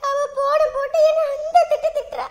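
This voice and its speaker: A woman's voice: very high voice, flat delivery, fairly quick. A woman playing a distraught middle-aged mother who talks in a tearful, pleading way in a family drama.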